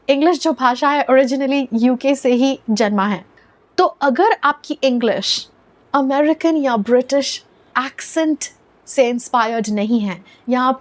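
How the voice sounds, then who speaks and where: Indian woman English teacher, high voice, patient explainer who spells out and models words. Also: darkish tone. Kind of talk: scripted lesson to camera.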